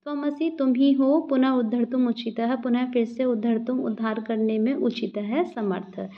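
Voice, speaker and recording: A woman teacher slowly explaining a Sanskrit text, repeating each phrase and translating it. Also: fairly high pitch, fairly even intonation. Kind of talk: line-by-line Sanskrit explanation in Hindi. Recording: dull lo-fi recording.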